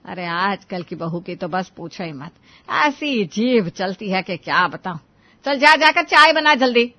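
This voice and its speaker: A woman's voice: medium pitch, expressive, unhurried, lo-fi sound. A bossy, scolding mother-in-law. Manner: scolding, taunting, complaining. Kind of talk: animated story voice acting.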